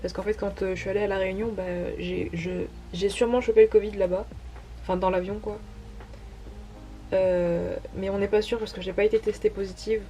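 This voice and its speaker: Speaking fairly quickly in a mellow, mid-range voice with fairly even intonation, a young woman narrates a casual tour of her sketchbook for her artist vlog. A little hiss or hum is audible, and she's hesitant, full of fillers, and laughs self-deprecatingly.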